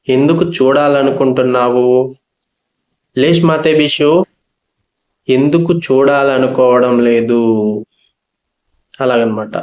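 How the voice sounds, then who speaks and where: A man's voice: medium pitch, darkish tone, echoey room, dull audio. A man teaching a spoken language lesson, patiently repeating each phrase and its meaning.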